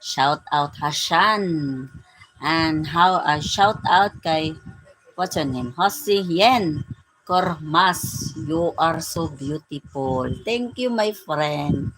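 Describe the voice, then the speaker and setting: A woman's voice: deep voice, drawn-out words, fairly bright tone, low-quality recording. A Filipino woman in her forties hosting a casual live-stream vlog, greeting her viewers with a repeated "my dear, my friend". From Philippines. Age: 40s.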